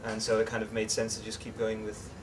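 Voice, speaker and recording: A young man chats easily as an interview guest, with plenty of fillers and restarts. He sits some way from the mic. Steady background noise runs under his voice. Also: on the low side, fast talker, recorded from a distance. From England, raised in the Netherlands. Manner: relaxed, chatty, many fillers and restarts. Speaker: interview guest, English teacher. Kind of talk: casual interview chat.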